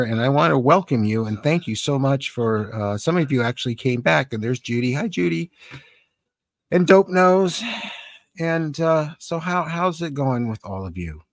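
This septuagenarian host from San Francisco, USA, speaks at medium pitch with no room sound, close on a boom-arm studio microphone and wearing headphones. Working from a small, cluttered home studio, he runs a casual live stream, chatting through and answering comments in a rambling, halting, conversational style.

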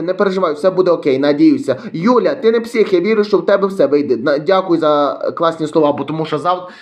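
Young western guy, quick and fairly high-voiced, casually reading out comments. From western Ukraine. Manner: reads viewer comments aloud, chatty, self-deprecating. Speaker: YouTube vlogger.

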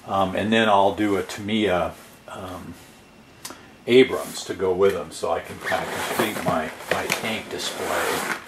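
Male hobby host, lowish voice, easygoing unboxing chat, room echo and background noise. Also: unhurried. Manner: relaxed, rambling, frequent fillers. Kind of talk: casual unboxing talk.

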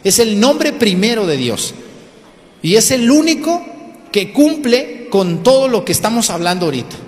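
A man's voice: high voice, big pitch swings, moderate pace, in a large hall. A man preaching a colloquial sermon to a congregation, explaining and asking them questions.

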